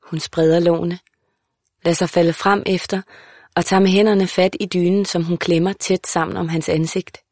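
A woman narrating a literary audiobook in a calm, measured, even way. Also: lowish voice, no echo, clean studio sound.

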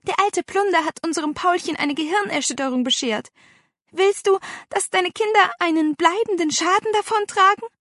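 A woman's voice: high voice, sing-song, normal speed, sharp tone, dry recording, clean studio sound, voice pushed up, heavily acted. A woman doing a stern, worried aunt. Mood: urgent. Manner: insistent and scolding.

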